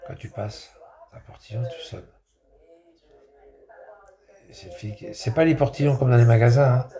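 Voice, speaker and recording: A man's voice: medium pitch, normal speed, a crowd in the background. A man chatting casually in a rambling, repetitive way, with crude slang. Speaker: vlogger. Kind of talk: casual vlog chat.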